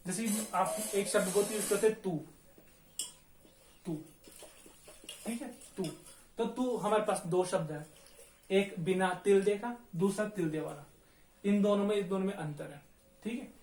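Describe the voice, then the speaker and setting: A man from India teaching a Spanish lesson, who patiently repeats words slowly to drill pronunciation. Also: high voice, a little mellow. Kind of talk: online language lesson. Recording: echoey room, faint noise.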